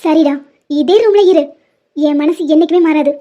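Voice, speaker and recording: A furious young mother, played by a woman, in an animated love story, scolding and ordering a man out. Her voice sits very high but mellow rather than sharp. The audio is dull and lo-fi, with soft music behind. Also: moderate pace, close to an everyday voice. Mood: angry. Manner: scolding, exasperated. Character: angry young mother rejecting the man who wronged her. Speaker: female lead.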